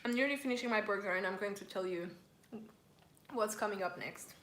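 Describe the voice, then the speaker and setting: A woman's voice: mid-range voice, brisk, fairly bright tone, reverberant. A woman hosting a casual live stream, chatting and reading viewer comments aloud while she eats.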